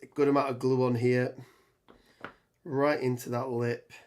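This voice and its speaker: Here the streamer, who plays tabletop games, is hoarse with a cold and chats on his live stream as he builds terrain. His delivery is flat and slightly mellow, at a middle pitch. Rambling along, he restarts sentences, says um a lot and reads viewers' messages aloud.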